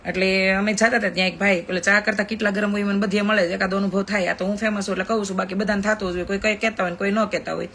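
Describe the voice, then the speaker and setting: A woman's voice: mid-range voice, level tone, fairly bright tone, a little hiss or hum. A woman in her thirties with a Kathiyawadi Gujarati accent, chatting in a live video and telling a story in an emphatic, talkative way. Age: 30s. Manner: chatty, fast-talking, emphatic. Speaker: social media influencer.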